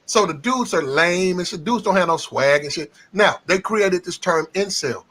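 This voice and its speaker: A man in his thirties debates on a casual panel, tripping over his words and excitedly holding the floor. His voice is very high for a man. It is also sharp and bright. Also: normal speed. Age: 30s. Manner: stammering, excitable, keeps saying hold on.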